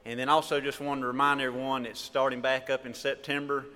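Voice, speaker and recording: Male church announcer, plain-spoken and hesitant, smooth clear tone, long hall reverb. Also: mid-range voice, level tone, fast, sharp tone. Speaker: church member giving announcements. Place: church sanctuary, amplified.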